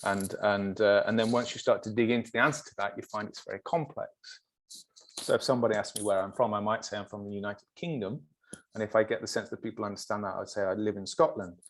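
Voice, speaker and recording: A middle-aged man from England with a fairly low-pitched voice gives a reflective academic answer as a guest speaker. He searches for his words as he thinks aloud. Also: fairly even intonation, quick pace. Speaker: film studies professor, guest speaker. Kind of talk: academic discussion.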